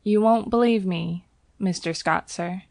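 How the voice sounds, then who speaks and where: A woman's voice: mid-range voice, measured pace, vocal fry, darkish tone, dry recording, clean studio sound. A woman doing a nervous Cockney bellboy. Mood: uneasy. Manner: dropped h's, deferential, keeps saying sir. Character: young Cockney bellboy, former soldier, nervous.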